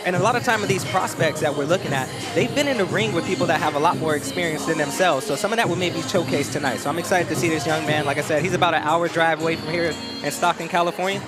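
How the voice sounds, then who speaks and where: A man's voice: a little high, fast, few pauses. A man giving casual, conversational colour commentary at a boxing event. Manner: conversational, often says man and you know. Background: very loud venue music.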